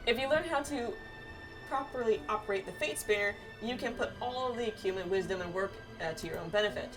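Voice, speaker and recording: A woman with a mid-range voice talks fairly quickly while playing through a video game, reacting casually and reading dialogue aloud. The mic is distant, sitting under clearly audible background music.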